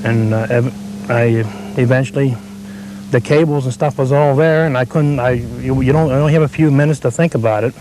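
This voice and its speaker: A man who operates heavy equipment, telling his story in a plain, halting way, heard from a worn VHS tape copy. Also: mid-range voice, darkish tone, rough recording. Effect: worn VHS tape copy with faint hiss. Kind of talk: interview answers.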